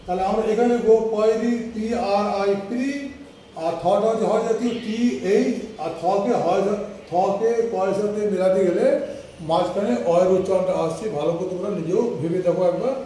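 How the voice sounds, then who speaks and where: A high-voiced man teaches a class at the board, taking it slowly and patiently and often checking that students follow. His voice is mellow, and it sounds distant in a very echoey room with a faint hiss behind it. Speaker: English teacher.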